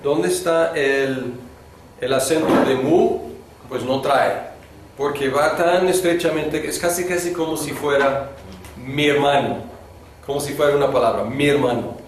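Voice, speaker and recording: A male teacher lectures a class at a slow, unhurried pace, pausing on fillers as he thinks aloud. His voice sits at an ordinary middle pitch. He is recorded from a distance in a strongly echoing classroom with faint background noise. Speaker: Greek teacher. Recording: echoey classroom from a distant mic.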